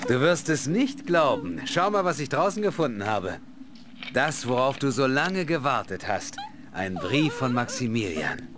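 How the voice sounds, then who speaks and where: A man's voice: mid-range voice, big pitch swings, a little slow, background noise. A man voicing a cheeky, somewhat hesitant young adventurer hero in a fantasy video game. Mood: sly, coaxing.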